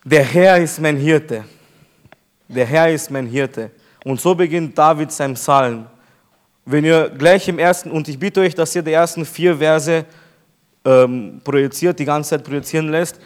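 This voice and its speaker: A pastor preaching an emphatic sermon to his congregation, slowing down to repeat key phrases. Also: a little high.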